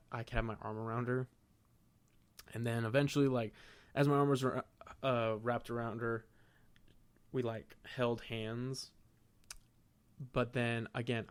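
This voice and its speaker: A young man, the podcast's host, telling a self-deprecating, profane story in a casual, animated way. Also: medium pitch, dry recording.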